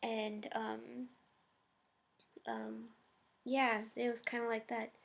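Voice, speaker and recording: A woman's voice: fairly high pitch, level tone, takes it slowly, gravelly. A young woman chatting casually in her first vlog, hesitant and full of ums and likes. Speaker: vlogger.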